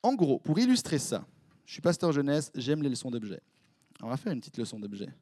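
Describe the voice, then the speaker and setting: A young man with a Swiss French accent, preaching as a youth pastor in a lively, joking way, quizzing his congregation. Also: mid-range voice, no echo, studio quality. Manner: playful, jokey, quick asides to the crowd. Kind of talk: lively sermon with audience interaction. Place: church hall before a congregation.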